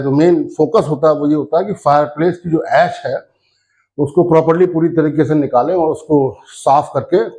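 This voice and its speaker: Slow-explaining male lesson presenter. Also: on the high side, mellow. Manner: slow explanatory, spells out English words letter by letter; mixes English phrases into his talk. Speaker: educational video presenter. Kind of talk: explainer lesson over a map.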